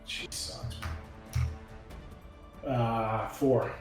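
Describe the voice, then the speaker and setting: This man, a player at a tabletop roleplaying session, speaks extremely slowly in a mid-range voice, hesitating and working things out aloud in casual chat. Music plays behind him, and the room is very echoey.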